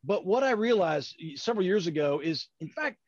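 Male interview host, Appalachian accent, high voice, rambling and rephrasing, close dry but slightly dull recording. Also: animated, moderate pace, no echo. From West Virginia, small town. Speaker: podcast host, company leader. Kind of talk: conversational interview.

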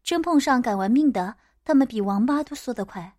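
A woman narrating a first-person story in a steady audiobook manner. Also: fairly high pitch, fairly quick, dry recording, studio quality.

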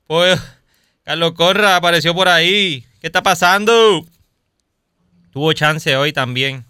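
A man with a Puerto Rican accent hosting a casual livestream chat, lively and greeting viewers as they join. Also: a little high, measured pace, smooth, no room sound, clean studio sound. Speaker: podcast host. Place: home at night.

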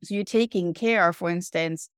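A woman guest on a podcast, a wellness coach explaining her approach in an earnest way, slowing down to stress points. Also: on the low side, clear, resonant tone, dry recording, studio quality. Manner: earnest, explanatory, slows down for emphasis. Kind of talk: podcast interview.

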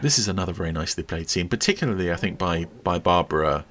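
A man's voice: low voice, lively intonation, fast, a bit bright, a little hiss or hum. A man hosting a podcast, commenting on a TV episode in a chatty, rambling way with playful asides. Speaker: podcast host.

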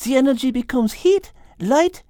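Lady doing a bubbly french-accented teacher lady, high and bouncy, really dry close sound. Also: animated, normal speed, dark tone, dry recording. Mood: enthusiastic. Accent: French, put on. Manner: encouraging, sprinkles French words.

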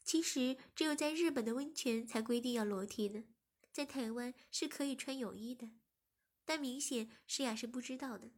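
A woman reading a story aloud in soft, even scripted narration. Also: on the high side, moderate pace. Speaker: story reader.

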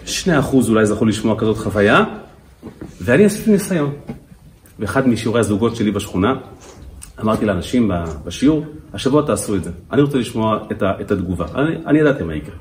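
A man, a rabbi telling stories in a lively lecture to an audience and repeating words as he builds a point. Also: lowish voice, recorded from a distance, a little hiss or hum.

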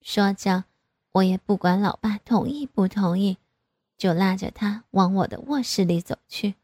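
A woman narrating a first-person story in a soft, even reading voice. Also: mid-range voice, unhurried, slightly rough, no echo, clean studio sound.

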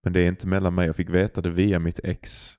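A man's voice: deep voice, flat delivery, darkish tone, no room sound, clean studio sound. A man co-hosting a podcast in casual chat, blunt and teasing, swearing freely. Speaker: podcast co-host.

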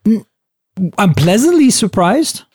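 A man hosting a casual tech podcast, talking in an animated, chatty way with lots of fillers and restarts. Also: sits high, slow, slightly rough. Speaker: podcast host.

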